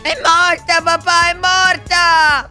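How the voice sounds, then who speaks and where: A man doing a high-pitched, excitable little boy in a Minecraft roleplay story, his voice leaping up and down as he shouts and then quickly says sorry. The tone stays bright and childlike, with clear music playing behind him. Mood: eager. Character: excitable little boy who thinks he is Mario. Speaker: roleplay video maker. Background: background music.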